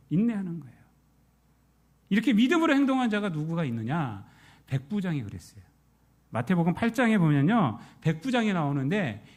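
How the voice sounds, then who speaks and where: A male pastor delivers a Sunday sermon in a high voice that leaps widely in pitch. He asks his congregation question after question. He drives key words loudly, then sinks to soft, low asides. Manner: preaches with rhetorical questions to the congregation; swings between loud emphatic peaks and soft low asides.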